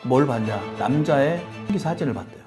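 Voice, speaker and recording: A man's voice: medium pitch, brisk, loud music behind the voice. A man in his fifties, a private detective, telling anecdotes in an interview and acting out the people he quotes. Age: 50s. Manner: animated storyteller, acts out quoted voices.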